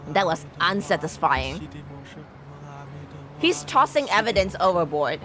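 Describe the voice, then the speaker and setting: Unhurried woman streamer, lively voice. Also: lowish voice, over music. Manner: reads on-screen text aloud, with sudden swearing. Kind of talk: casual game commentary.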